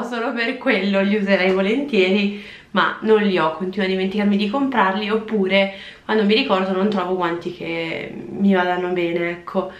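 A woman's voice: lowish voice, dull audio. A woman in her twenties chatting casually to viewers while she cleans a small bathroom, filmed by a camera on the counter. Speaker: vlogger. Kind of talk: casual cleaning vlog chat. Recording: echoey tiled room.

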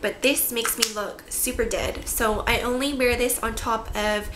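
Unhurried and steady, a woman in her twenties with a higher-pitched voice shows off a product haul to camera as a beauty vlogger. Her chat is casual and keeps interrupting itself with small asides, recorded in a small, bare-walled indoor room that echoes with faint background noise.

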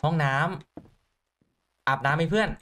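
A man's voice: fairly high pitch, measured pace. Jumpy young man narrating a horror game. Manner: excitable, jumpy, stammers repeated words. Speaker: gaming YouTuber. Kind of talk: let's play commentary.

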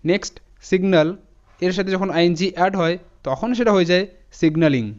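Guy teaching spelling, high smooth voice, spells each word out slow and steady, kinda dull lo-fi sound. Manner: steady, spells words out letter by letter. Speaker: English teacher. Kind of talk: spelling lesson explanation. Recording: dull lo-fi audio.

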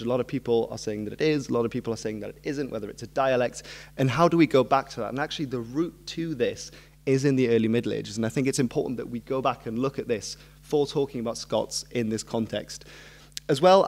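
Young man giving an informal talk. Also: mid-range voice. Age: early 20s. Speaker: student giving a history lecture. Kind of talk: informal public talk with self-deprecating humour. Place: on stage in a hall before a seated audience. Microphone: microphone on a stand at a lectern.

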